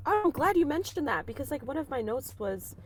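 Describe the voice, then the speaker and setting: A young woman co-hosting a casual book-review podcast, lively and quick to laugh. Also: high voice, slight background noise. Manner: animated, laughing often, reads passages aloud. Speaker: podcast co-host.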